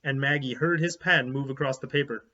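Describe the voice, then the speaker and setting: Reading a children's book aloud like a teacher, a man tells the story in an animated, emphatic way, adding asides to his young listeners. His mid-range voice moves a little fast, and the sound is lo-fi.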